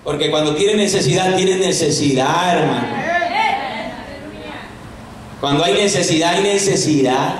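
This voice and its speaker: A male evangelist preaching an impassioned sermon, fervent and shouting at times, recorded from far off in a church. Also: measured pace, pauses often, crowd noise. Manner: fervent, shouting, swinging from loud to low. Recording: echoey church, voice from far off, faint noise.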